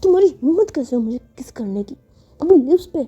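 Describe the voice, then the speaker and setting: A woman's voice: a little high, expressive, normal speed, mellow, husky. A woman voicing an angry young woman who scolds and warns sharply. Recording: dull lo-fi audio over music.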